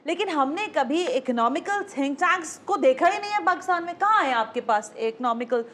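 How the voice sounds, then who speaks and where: A woman's voice: high-pitched, animated, fairly bright tone. A woman hosting a TV talk show, probing her guest and cutting in with questions. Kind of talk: TV interview.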